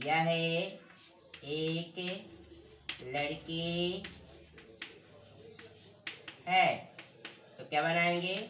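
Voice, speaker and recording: A man's voice: fairly high pitch, pushed and bright. A man teaching an English grammar lesson, asking questions and answering them himself while repeating key words. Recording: echoey room, distant mic, faint room noise.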